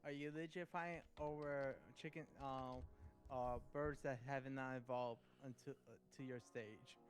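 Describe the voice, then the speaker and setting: A blunt, unimpressed orc, voiced by a man in an online tabletop game. He scoffs in a flat, dismissive, casual drawl. Faint music plays underneath. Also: mid-range voice, a little slow, close to an everyday voice. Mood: scoffing. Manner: deadpan, dismissive.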